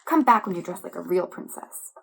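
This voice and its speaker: A woman's voice: on the low side, animated, brisk, creaky, breathy edge, full character voice. A woman voicing a snooty, prim young prince in a storybook, disdainful in tone.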